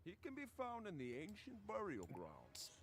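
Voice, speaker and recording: A man's voice: high voice, wildly swooping pitch. A haughty craftsman mentor in a game. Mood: grudgingly impressed. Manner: condescending, drawn-out, theatrical delivery. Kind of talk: video game voice acting.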